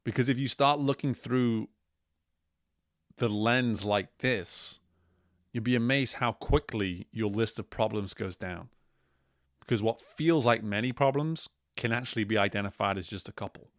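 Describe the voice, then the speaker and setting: A man speaking as a coach and host in a motivational monologue, deliberate and emphatic, repeating key phrases. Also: lowish voice, no echo, studio quality.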